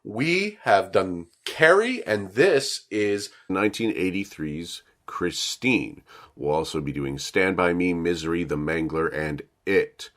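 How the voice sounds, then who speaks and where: A man co-hosts a casual podcast while fighting a cold, so his voice comes out stuffed up and nasal. He talks in a chatty, upbeat way. His voice sits quite low. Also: animated, slow, fairly bright tone. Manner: chatty and upbeat, laughs easily. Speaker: podcast co-host. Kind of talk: casual chat.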